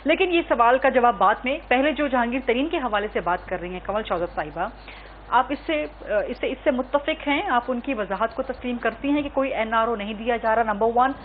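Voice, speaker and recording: A woman talk show host presses her guests with pointed, interrupting questions. Her voice sits a little high and comes through thin, lo-fi audio with a faint hiss.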